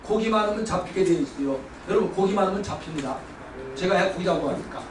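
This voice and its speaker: A male pastor giving a lively sermon lecture, exuberant and loud, often shouting and leading the congregation in call-and-response. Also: high-pitched, quick pace. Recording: roomy hall from far off, faint background noise.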